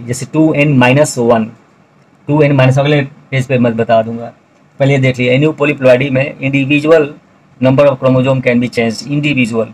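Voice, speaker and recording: A middle-aged male biology tutor talks through his notes in a level, even tone that barely rises or falls. He walks students through each point deliberately and repeats the key terms. His voice sits at an ordinary middle pitch. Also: low-quality recording. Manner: explains step by step, repeats key terms, addresses students directly. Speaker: biology teacher. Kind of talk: recorded video lecture explaining notes.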